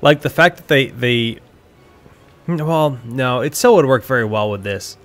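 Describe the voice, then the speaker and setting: A man's voice: medium pitch, expressive, a little slow, fairly bright tone. A man giving esports draft analysis, thinking aloud with hesitant restarts as he works through his ideas. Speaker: esports caster.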